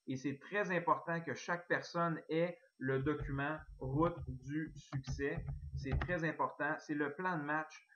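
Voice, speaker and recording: A man with a Québécois French accent giving an eager, excitable sales pitch on a recorded online call, full of fillers and restarts. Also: moderate pace, hardly any pauses, lo-fi sound. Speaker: network marketing presenter.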